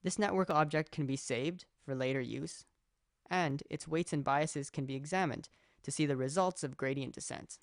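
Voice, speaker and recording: A young man from Canada giving a steady, scripted narration that explains code as a student presenter. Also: a little high, moderate pace, no echo, studio quality. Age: young adult.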